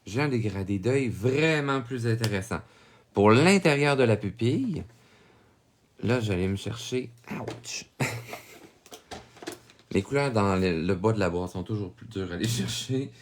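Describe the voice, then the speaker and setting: A man with a Québécois French accent talks through a drawing tutorial in a lowish voice. He takes his time and walks through each step calmly, often checking in with the viewer. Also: a little slow, long pauses, a little hiss or hum. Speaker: drawing instructor.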